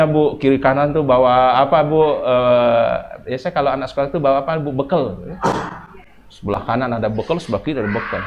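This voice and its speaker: Male preacher, mid-range voice, talking straight to the women in the room with questions, soft to fiery swings, slightly dull live recording. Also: slight background noise. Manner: addresses women listeners, asking them questions and answering himself; swings from soft and slow to loud and high for emphasis. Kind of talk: sermon.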